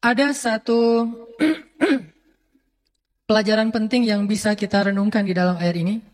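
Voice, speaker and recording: A male Islamic preacher giving a relaxed, humorous sermon, acting out everyday examples. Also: high voice, moderate pace. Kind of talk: casual conversational sermon. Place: lecture hall or mosque hall. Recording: long hall reverb.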